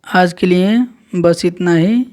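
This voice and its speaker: A man's voice: high voice, fairly even intonation, slow pace, darkish tone, slight background noise. A male teacher patiently giving a classroom lesson, counting numbers aloud one by one and repeating each step.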